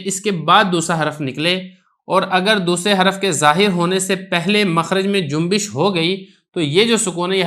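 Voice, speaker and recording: A man with a Pakistani Urdu accent gives a Quran recitation lesson, speaking in a fairly high voice. He explains each rule patiently and goes over it more than once. He recites example words slowly and clearly to show how they should sound. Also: fairly bright tone. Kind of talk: tajweed lesson explaining a text.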